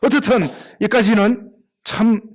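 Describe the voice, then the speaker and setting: A male pastor with a Gyeongsang accent preaching a sermon in a church, telling the story with lively acted-out lines. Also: sits high, measured pace. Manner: animated storytelling, acts out biblical characters' lines. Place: church sanctuary.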